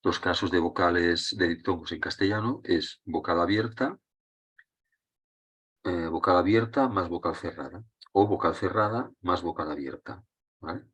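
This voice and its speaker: A man with a very deep, husky voice teaches a Spanish grammar lesson. He explains rules patiently, step by step, pausing to check that his students are following. His delivery is conversational and unscripted. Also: a bit bright.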